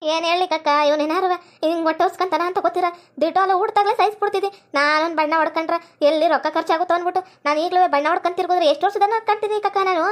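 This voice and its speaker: A woman's voice: very high voice, fairly even intonation, very fast. A woman in her forties with a North Karnataka Kannada accent, playing a distraught village nurse-mother who scolds her son in a skit. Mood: furious. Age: 40s. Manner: wailing, scolding, repeated rhetorical questions.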